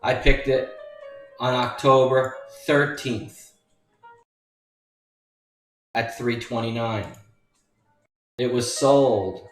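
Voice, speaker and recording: A stock trading educator and newsletter writer walks informally through stock charts, speaking slowly, emphatically and repetitively to viewers he calls folks. His mid-range voice has fairly even intonation, recorded with a distant mic in a roomy, echoing space with faint music.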